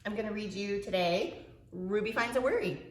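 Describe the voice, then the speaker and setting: A preschool teacher, a woman with a mid-range voice, reads a picture book aloud to young children. She delivers it expressively, using dramatic pauses and stretching out her words, and the sound is reverberant.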